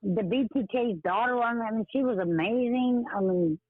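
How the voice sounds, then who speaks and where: A woman's voice: fairly high pitch, moderate pace, dry recording. A middle-aged or older woman from West Virginia with an Appalachian twang and a slightly slurred-sounding drawl, chatting emphatically as a caller to a show. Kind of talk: casual phone chat. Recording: tinny, narrow phone-line sound.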